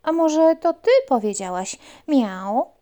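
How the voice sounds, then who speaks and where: A woman voicing a small, naive and eager puppy in a children's story, in a high, loud, excited voice. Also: slow.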